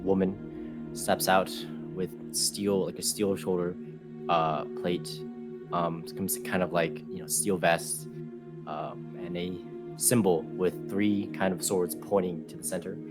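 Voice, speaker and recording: A deep-voiced man runs a tabletop game as dungeon master, narrating in a halting way with frequent ums and uhs. Music plays clearly underneath him.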